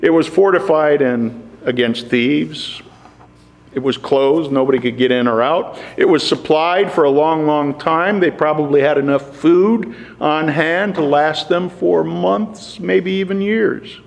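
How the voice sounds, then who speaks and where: A man preaching a sermon, measured and slowing down for emphasis. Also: on the high side, creaky. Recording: long hall reverb.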